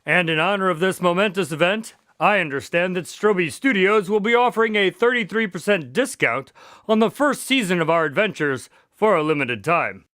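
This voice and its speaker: A man's voice: high-pitched, expressive, moderate pace, fairly bright tone, clear, resonant tone, dry recording, studio quality. A man playing a courteous, easily flustered doctor and storyteller in a radio drama, with a polite, old-fashioned, theatrical manner. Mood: genial. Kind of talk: radio drama acting and narration.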